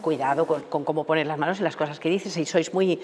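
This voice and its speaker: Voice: medium pitch, brisk, darkish tone, big-room sound, slight background noise. A radio show host interviewing guests in a conversational way with frequent short affirmations.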